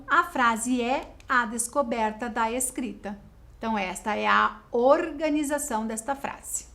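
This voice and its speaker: High-voiced Brazilian woman teacher. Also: a bit bright. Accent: Brazilian Portuguese. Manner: slow, clearly spelled-out explanation. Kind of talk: video lesson for schoolchildren.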